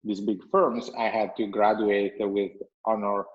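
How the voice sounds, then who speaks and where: A company founder from Italy, appearing as a guest, speaks in a low, even voice with an Italian accent, measured but often pausing on "um" and restarting sentences. His dull, lo-fi audio sounds like a video call from a bright room at home with a window.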